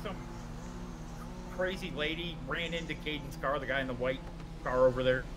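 A man's voice: on the high side, normal speed. A man chatting eagerly in a casual game role-play. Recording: game voice chat with loud car noise.

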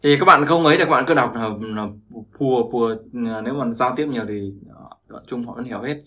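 A male language teacher explains a pronunciation lesson in a medium-pitched voice that sounds pushed and bright, moving fairly quickly. He goes over the sounds repeatedly and regularly checks that his audience understands.

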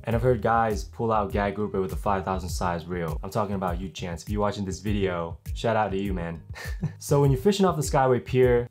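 A relaxed young man with a lowish voice talks easily straight to the camera, chatty and informal. He speaks from a small indoor room into a camera-mounted mic, with faint music playing underneath. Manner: laid-back, chatty, says "man" a lot. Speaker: fishing vlogger. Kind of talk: casual gear talk to camera. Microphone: camera-mounted shotgun mic.

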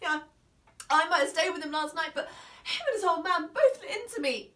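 A woman's voice: very high-pitched, expressive, fairly quick, pushed and bright, full character voice. A woman auditioning as a restless young ranch wife who dreams of fame, eager and giggly, recorded from a distance in a roomy space. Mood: dreamy. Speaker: drama school auditionee. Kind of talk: audition monologue. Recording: roomy, from far off.

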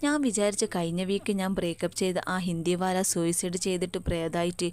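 A woman's voice: fairly low pitch, steady tone, brisk, darkish tone, clear, resonant tone, lightly acted. A woman voicing a jumpy, dramatic young woman who swears in a fluster in a spoken story.

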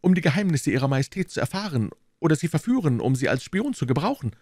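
A man voicing an anxious, fussy middle-aged landlord in an audiobook, in a high, strained, wordy and timid voice. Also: sing-song, fast talker, darkish tone, no room sound, studio quality. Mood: fretful. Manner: wordy, timid, eager to please. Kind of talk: audiobook reading.

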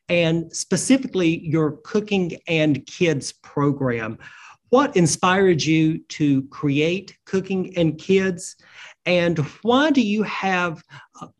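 A man hosting a local TV program, reading a polished, announcer-like introduction and questions in a studio. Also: fairly high pitch. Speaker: TV program host. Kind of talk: scripted studio interview.

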